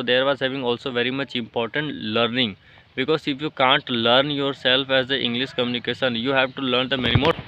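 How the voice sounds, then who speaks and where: A native Hindi speaker from Jharkhand, India, this man with an Indian accent is an English-learning vlogger giving a casual motivational talk to camera. His medium-pitched voice is flat and level, halting often for fillers and restarted phrases. The audio is dull and lo-fi with rolled-off highs and slight background noise.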